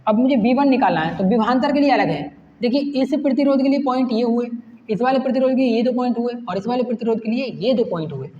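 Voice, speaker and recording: A man's voice: extremely high pitch, fast, a little mellow. Male teacher, patient walkthrough, self-answered questions; lo-fi recording with faint hiss. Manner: asks the class questions and answers them himself. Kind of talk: step-by-step classroom explanation. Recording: echoey room, dull lo-fi sound, faint hiss.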